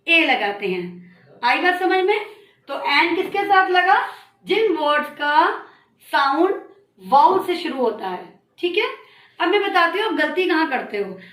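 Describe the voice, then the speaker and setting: A woman's voice: high voice, fairly bright tone. A woman school teacher giving a grammar lesson to children, patiently repeating her questions and coaxing answers from them. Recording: echoey room, voice from a distance.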